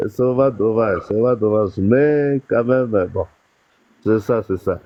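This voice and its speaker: Halting man on a muffled call. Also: lowish voice. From DR Congo, North Kivu. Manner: halting, many restarts and fillers. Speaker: caller on a live stream. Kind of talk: casual call-in advice. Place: call from abroad.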